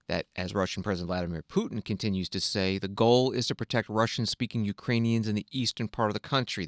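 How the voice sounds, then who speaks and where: A man's voice: on the low side, a bit bright, dry recording, studio quality. A man hosting a news programme, reading scripted news narration. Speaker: radio news host.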